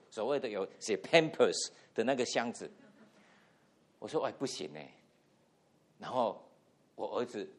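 A middle-aged man, a pastor, telling a lively story in a sermon and acting out the dialogue, with English words mixed into his speech. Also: mid-range voice. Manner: animated anecdote with acted-out quotes, code-switching English words.

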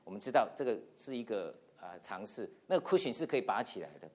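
A middle-aged man, a pastor, telling a lively story in a sermon and acting out the dialogue, with English words mixed into his speech. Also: lowish voice, fast. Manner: animated anecdote with acted-out quotes, code-switching English words.

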